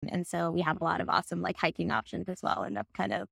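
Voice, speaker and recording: A woman's voice: lowish voice, animated, quick pace, vocal fry, fairly bright tone, dry recording, clean studio sound. A young woman from Bangladesh, a guest on a casual podcast interview, talking in an upbeat, chatty way with plenty of "like" and "you know" fillers.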